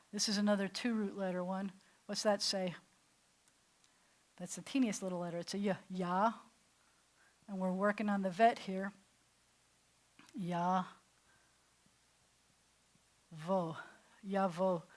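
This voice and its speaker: In a classroom or congregation hall, a female rabbi teaches Hebrew to beginners, keeping things casual and talkative. She often starts her sentences over and pronounces words slowly, her mid-range voice holding a steady tone.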